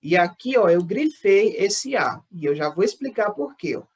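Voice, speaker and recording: A woman's voice: medium pitch, sing-song, moderate pace, a little mellow, slightly rough. A woman teacher with a Brazilian Portuguese accent, patiently explaining a lesson and counting syllables aloud. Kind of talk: online class lesson.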